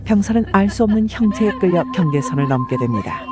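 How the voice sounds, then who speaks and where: A woman's voice: medium pitch, animated, fast, over music. A woman reading scripted horror stories as narrator.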